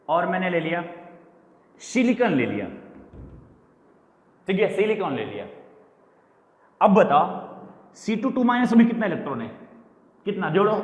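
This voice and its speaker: Male chemistry teacher, high voice, patient step-by-step lecturing, recorded in a classroom with a long echo. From India. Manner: explains step by step, keeps checking with the class; drawls key terms slowly while writing them out. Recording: echoey classroom with long reverb.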